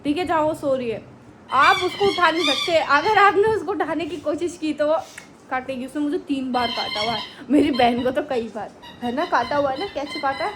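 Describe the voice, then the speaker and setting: This is a high-pitched woman at normal speed, an animal rescuer running a shelter, chatting casually with her audience. She speaks deliberately so she doesn't fumble. The phone recording is noisy, with rain in the background.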